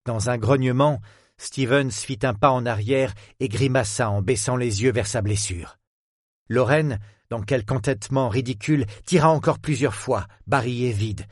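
A man narrating a thriller audiobook in a steady, measured way, close to the microphone. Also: lowish voice, no echo. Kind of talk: scripted narration of a thriller novel.

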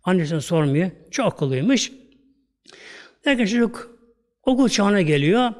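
A man's voice: sits high, big pitch swings, a little slow. A Turkish man, a religious teacher, telling a moral story in a colloquial way and often repeating little filler words.

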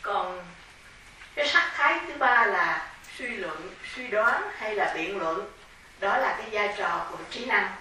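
A woman, a Buddhist nun, giving a measured, explanatory dharma lecture and carefully spelling out terms. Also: medium pitch, lively intonation, bright, forceful tone. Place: large temple hall. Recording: echoey hall, distant mic, faint hiss.

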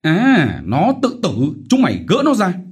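Brutal bullying village chief, shouting curses, high and loud, husky edge, voiced by a man, audiobook. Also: sing-song, moderate pace. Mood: furious.

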